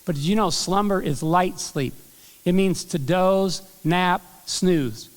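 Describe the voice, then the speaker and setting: A middle-aged male pastor preaching a sermon in an earnest, conversational way, clearing his throat now and then. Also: sits high, slow. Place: church sanctuary. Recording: long hall reverb.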